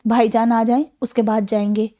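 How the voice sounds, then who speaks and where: A woman voicing a calm young man from a novel who hides his worries, patient and reassuring. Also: very high-pitched.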